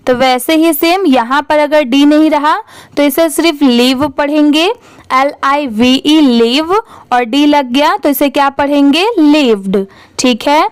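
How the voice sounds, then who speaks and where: A woman teaches reading in a high, clear voice, spelling each word out slowly letter by letter. She puts questions to her class and answers them herself. The sound is close and dry, with no room echo.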